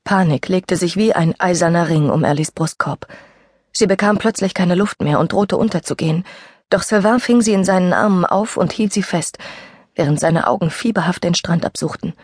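A woman narrating a young-adult novel as an audiobook reader, with a breathy voice, recorded in a studio. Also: fairly low pitch, moderate pace, darkish tone, no echo. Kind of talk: scripted narration.

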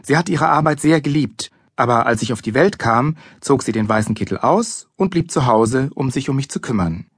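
A man narrating a children's audiobook in lively first-person storytelling. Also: medium pitch, moderate pace, few pauses, slightly rough, no echo, clean studio sound. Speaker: audiobook reader.

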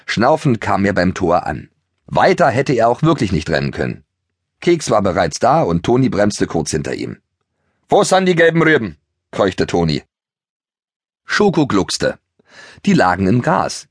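A man narrating a children's audiobook in a lively storytelling manner. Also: on the low side, husky, no echo. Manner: animated storytelling. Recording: dry studio recording.

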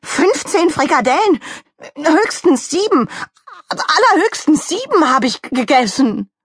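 A woman voicing a small, greedy male rabbit who whines, shouts and nearly cries in a children's audiobook. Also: high-pitched, moderate pace, no echo, clean studio sound, voice pushed up. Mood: whiny and upset. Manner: whiny, shouting, near tears.

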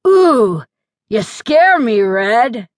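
A whining, leering town drunk with a high, giggly drawl, put on by a woman reading an audiobook. His lines are pitched up and pushy, and the recording is close and dry, with no room sound. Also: big pitch swings, extremely slow, no echo, full character voice.

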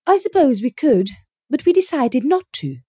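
A woman's voice: high voice, very animated, normal speed, warm tone, dry recording, pitched above the performer's own voice. A woman doing a dry, firm spinster. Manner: dry, firm, plain-spoken. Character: stern, dry middle-aged spinster woman. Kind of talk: audiobook character reading.

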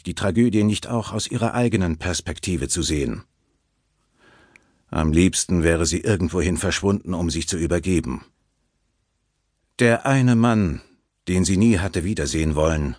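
A deep-voiced male audiobook narrator reads from a script. His tone is a little mellow, and the recording is dry with clean studio sound.

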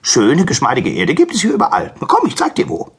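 A pushy storybook donkey brays out his advice in a shrill, squawking voice that leaps all over the place. He sounds excited and insistent, with a husky grain underneath. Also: a little fast, heavily acted. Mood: eager. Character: eager braying male donkey, boastful and pushy. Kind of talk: storybook character voice.

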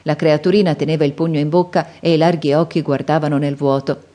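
A woman narrating a classic novel as an audiobook, in a calm, even storytelling manner. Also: low-pitched, fast talker. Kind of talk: scripted narration.

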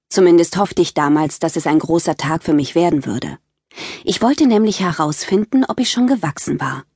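A woman narrating a children's audiobook in the first person, with lively, expressive storytelling. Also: fairly low pitch, husky, dry recording, clean studio sound.

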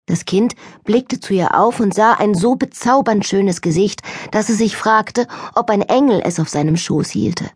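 A woman narrating an audiobook in a calm, measured storytelling manner. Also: mid-range voice, breathy edge, dry recording, clean studio sound.

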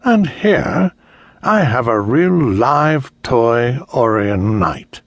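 A man's voice: medium pitch, very animated, very slow, no room sound, pitched above the performer's own voice, heavily acted. A man voicing a cruel, mocking emperor who taunts a captive princess, speaking in a condescending, taunting manner.

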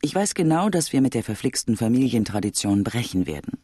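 A woman's voice: extremely low pitch, very animated, a little fast, mellow, slightly rough, no echo, clean studio sound, heavily acted. A woman voicing a spirited, teasing young farm wife who is pregnant, in an audiobook. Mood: playful. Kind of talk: audiobook character voice.

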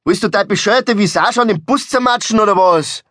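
Man doing irate driver, gruff, barking insults, louder and higher than the narration, dry studio sound. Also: moderate pace, no room sound, close to an everyday voice. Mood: furious shouting. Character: irate middle-aged man cursing behind the wheel. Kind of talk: audiobook character voice.

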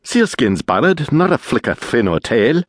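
A man's voice: mid-range voice, sing-song, normal speed, no echo, studio quality, pitched above the performer's own voice. A man voicing an impatient, brash young boy of a sea-dwelling, seal-like race.

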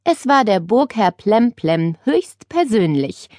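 A woman narrating a children's audiobook with expressive storytelling. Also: medium pitch, slow, no room sound, studio quality.

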